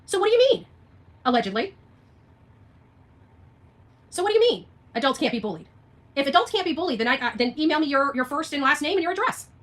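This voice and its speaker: A livestream host with a high, bright voice responds to her viewers' comments in a very animated, unscripted rant. She talks fast and fights back, repeating phrases and posing pointed rhetorical questions.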